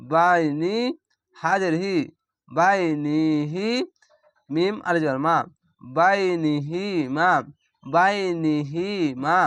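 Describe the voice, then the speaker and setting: A young man from Bangladesh, speaking with a Bangladeshi Bengali accent, gives a slow lesson in Quran reading by spelling every word letter by letter and drawing out the recitation. He has a high, fairly bright voice. The close-mic recording has no room sound.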